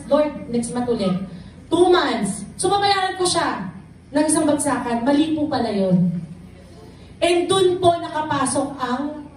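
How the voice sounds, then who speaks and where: A woman's voice: high voice, very echoey, far from the mic, a little hiss or hum, poor audio. A woman with a Filipino accent giving an emotional, earnest personal testimony in church. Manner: emotional, earnest, mixing Tagalog and English. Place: church hall.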